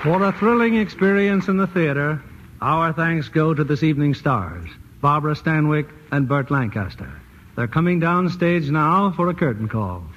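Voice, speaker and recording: On a muffled old radio broadcast with faint hiss, a male host introduces guests on a radio theater show and reads a sponsor message. His fairly high voice is expressive and paced moderately, with a polished announcer manner.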